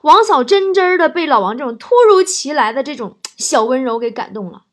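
A woman telling comic anecdotes in a lively, punchline-driven way. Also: high-pitched, brisk, noisy background. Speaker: comic storyteller.

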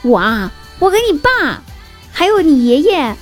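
Breezy mother acted by a young woman, high girlish pitch, nonchalant, drawn-out phrasing, comic story, music behind. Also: sing-song. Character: breezy, matter-of-fact middle-aged mother.

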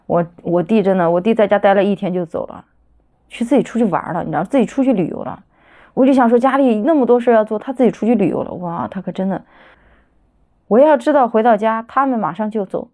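Brief: woman, 30s, solo podcast host, quick rambling delivery, venting in a chatty way. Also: mid-range voice. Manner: rambling, venting, animated retelling. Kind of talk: casual solo podcast chat.

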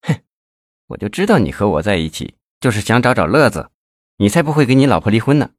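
Man voicing a coy young TV-host mistress, sharp tongue, lively pitch, storybook read. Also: no echo, studio quality, natural voice. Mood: coquettish, teasing. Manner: coquettish, scolding, quick retorts.

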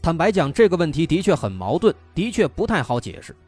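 A man's voice: fairly high pitch, big pitch swings, fairly quick, a little mellow, slightly rough, no echo. A man narrating true crime as a storyteller, explaining step by step and posing rhetorical questions. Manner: explanatory, poses rhetorical questions and reasons through them. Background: background music.

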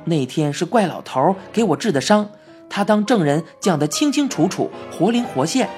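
Beijing-accented woman narrator, expressive children's story reading, faint music bed. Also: fairly low pitch, moderate pace.

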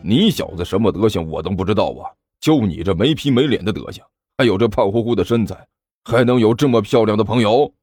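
Narrator putting on a deep, husky, suspicious middle-aged uncle, lecturing in an audiobook, faint music behind. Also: male voice, animated, a little fast, darkish tone, no echo, clean studio sound. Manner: stern lecturing, scolding.

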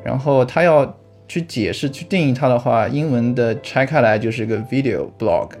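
Faint music plays behind this medium-pitched, slightly mellow male voice speaking at normal speed. He's a vlog creator guesting on a casual podcast, explaining his subject easily while thinking aloud, restarting, and laughing lightly.

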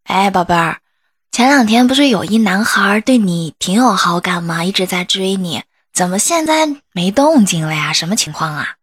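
A woman acting a nosy friend who fires off quick, prying questions in a comedy skit. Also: mid-range voice, expressive, a bit bright, slightly rough. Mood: gossipy. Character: nosy, chatty female friend.

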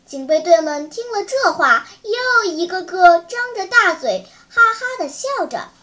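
A woman's voice: very high voice, big pitch swings, measured pace, bright, forceful tone. A woman narrating a children's story in a vivid, dramatic storytelling manner. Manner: vivid, dramatic, clear enunciation.

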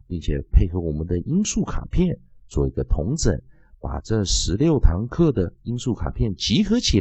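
A man teaching English phonics and drilling each sound slowly over and over. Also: medium pitch, vocal fry, a little mellow, husky, dry recording. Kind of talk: phonics lesson.

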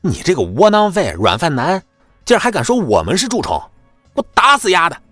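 A man voicing a brash, bullying young hanger-on of a rich family who sounds shrill and crude. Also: very animated, fast, no echo, soft background music. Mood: blustering.

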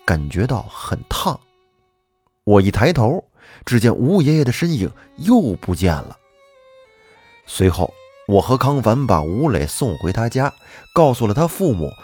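Male storyteller host with a husky, animated read over faint music. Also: medium pitch, no room sound. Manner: lively, expressive, acting out quoted voices. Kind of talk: dramatic storytelling narration.

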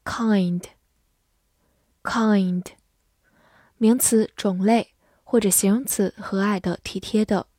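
A woman teaching a vocabulary lesson in an unhurried, deliberate way, spelling out each word with care. Her voice is mellow and dark, recorded close and dry with no room sound. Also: medium pitch, steady tone, dry recording. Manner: slow, careful word-by-word reading. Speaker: English teacher.

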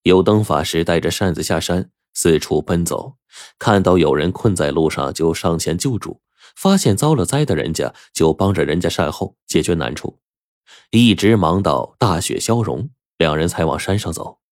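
A man narrating a folk tale as a storyteller, with expressive, lively delivery. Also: low voice, moderate pace, no echo, clean studio sound.

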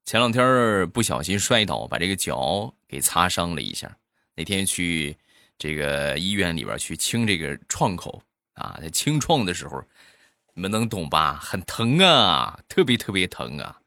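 A man telling a comic joke monologue in a lively way, with drawn-out particles on his punchlines. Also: sits low, dry recording. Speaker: comic storyteller.

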